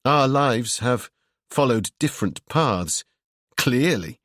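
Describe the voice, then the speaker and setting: A man's voice: medium pitch, sing-song, moderate pace, a bit bright, no room sound, studio quality. A man reading an audiobook, voicing a tense, restrained author who speaks in a strained, barely civil way.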